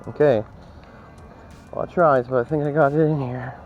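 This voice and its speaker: A man's voice: medium pitch, steady tone, normal speed, narrow, tinny audio, soft background music. A man vlogging as he metal detects on a sand beach at dawn, chatting to viewers and often exclaiming. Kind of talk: casual narration to camera while detecting.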